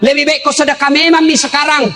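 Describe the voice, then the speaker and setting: A man preaching a humorous sermon, teasing his listeners and breaking into shouts. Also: extremely high pitch, flat delivery, fast talker. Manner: jokey, teasing, bursts into shouting.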